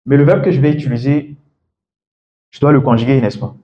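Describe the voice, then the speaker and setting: A man with a mid-range voice speaks briskly as an English coach giving a classroom lecture. He explains things step by step and keeps checking in with "d'accord?", and the audio sounds dull.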